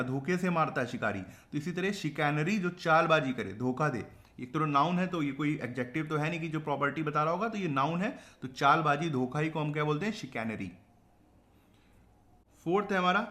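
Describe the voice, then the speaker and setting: Bright-voiced man teaching vocabulary. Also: fairly high pitch. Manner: explains with memory tricks, asks rhetorical questions; reads example sentences slowly. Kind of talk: exam-prep vocabulary lesson.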